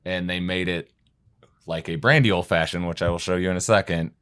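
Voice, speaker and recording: A man's voice: low-pitched, fairly even intonation, fairly quick, a bit bright, clear, resonant tone. A man from Wisconsin, a podcast guest, telling rambling stories in casual chat and often breaking off mid-sentence. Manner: rambling, self-interrupting storyteller.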